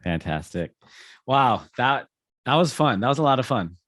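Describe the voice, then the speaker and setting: Male host, animated intonation, short reactive lines, dry mic. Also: medium pitch, moderate pace, no echo. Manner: brief reactive interjections. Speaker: podcast host. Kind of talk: casual interview chat. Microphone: video call.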